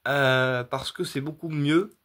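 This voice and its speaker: A man's voice: medium pitch, fairly even intonation, takes it slowly, fairly bright tone. A man, a medium casually explaining his readings straight to his viewers, rambling with many fillers, restarts and repetitions. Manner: addresses viewers directly, checking in with "d'accord". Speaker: medium offering paid readings. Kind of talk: casual direct-to-camera explanation.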